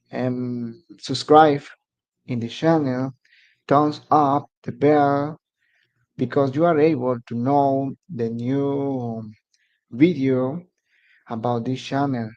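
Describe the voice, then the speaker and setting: On a laid-back live stream, a man from Mexico who hosts an immigration advice channel speaks English with a Mexican Spanish accent, his first language being Spanish, and stops at times to hunt for words. The recording is muffled, and his mid-range voice is a little mellow.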